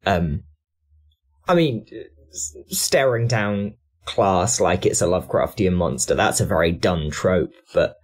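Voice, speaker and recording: On a discussion and review podcast, a male panellist talks reflectively and analytically. His voice is deep, with lively intonation, and his pace is a little slow.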